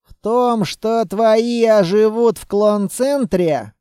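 A man's voice: high-pitched, takes it slowly, smooth, dry recording, clean studio sound. A man voicing a cool, shrewd ranger. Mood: persuasive. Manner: calm and persuasive. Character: cool, bluffing male ranger, steady and shrewd.

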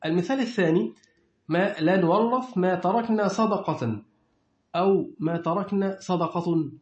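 Egyptian man, religious teacher, high voice, fires quick questions at his class; dull, lo-fi recording. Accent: Egyptian Arabic. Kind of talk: classroom lecture. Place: lecture room with students. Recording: echoey room, dull lo-fi sound.

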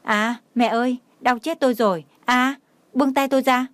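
A woman's voice: sits high, steady tone, normal speed, no room sound, lightly acted. Woman voicing a whiny young man yelping. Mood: yelping in pain. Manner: crying out in pain, pleading. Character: young man, playful, whiny when hurt.

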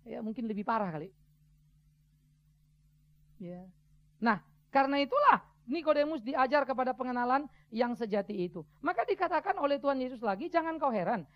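A man preaching a sermon as a pastor, conversational and lively, acting out other people's voices. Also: extremely high pitch. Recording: dull lo-fi sermon recording.

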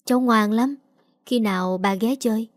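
A woman voicing a young new mother who speaks softly and apologetically. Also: fairly high pitch, normal speed, no room sound, clean studio sound, natural voice. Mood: pleading. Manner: soft, apologetic.

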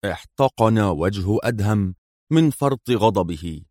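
Guy reading an audiobook, lowish voice, steady dramatic telling, dry close sound. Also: dry recording. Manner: measured, dramatic storytelling. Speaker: narrator. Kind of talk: audiobook narration.

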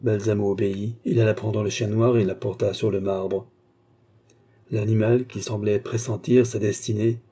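Casting: male narrator, very dark and husky tone, steady storytelling. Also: on the low side. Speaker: audiobook narrator. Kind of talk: scripted narration of a classic novel.

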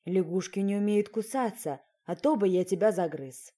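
A woman's voice: medium pitch, moderate pace, mellow, natural voice. A woman voicing a spiteful young man turned into a frog, snapping and sarcastic.

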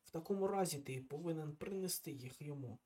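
A man's voice: a little high, fast, mellow, breathy edge. A man voicing an impatient male detective who gives short orders over the phone, in an audiobook. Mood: terse. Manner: terse, impatient.

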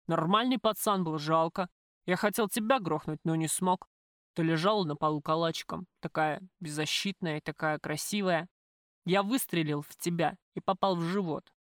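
A woman reading an audiobook, voicing a coarse, possessive male gang boss who talks in rough slang. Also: lowish voice, normal speed, dry recording, clean studio sound, pitched below the performer's own voice, close to an everyday voice.

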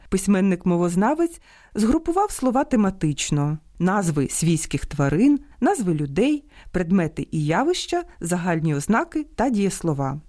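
A woman presenting an educational radio program, reading a clear, didactic script and slowing down to spell out word lists. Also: on the low side, warm tone.

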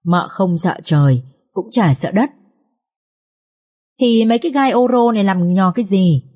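A stern young master teases his wife in a flat, deadpan way, as a woman narrator reads him. He sounds cool and dry. This is an audiobook character reading. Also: mid-range voice, normal speed, lightly acted. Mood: teasing. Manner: dry, teasing.

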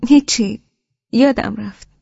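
A woman's voice: on the high side, gravelly, warm tone, slightly rough, no echo, voice pushed up, exaggerated voice. Woman voicing a sulky, sensitive young woman. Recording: dull, dry studio audiobook.

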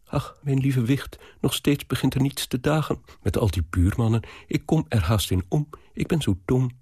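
A man reading aloud and voicing an old peasant nursemaid who dotes on her young charge, with quick, fretful chatter. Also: medium pitch, expressive, dark tone, slightly rough, no echo, clean studio sound. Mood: doting, fussing.

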